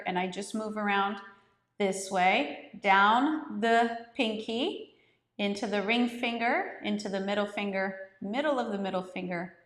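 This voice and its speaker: A woman with a mid-range voice guides listeners through a breath-counting practice. She explains each step in an encouraging, conversational way, like a yoga teacher addressing students. Her voice carries a clear echo from the room around her. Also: medium pitch, fairly bright tone. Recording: roomy, echoing space.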